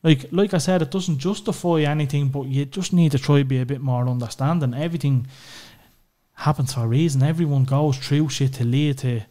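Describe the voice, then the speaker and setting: Guesting on a podcast, this Irish man talks frankly about family in a warm, brisk voice of medium pitch. The conversation is personal and emotional, peppered with casual swearing and frequent "you know" fillers.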